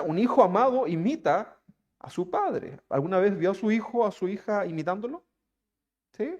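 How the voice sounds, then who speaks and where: A Chilean preacher with a fairly high, slightly mellow voice for a man gives a sermon to his congregation, repeatedly putting rhetorical questions to them.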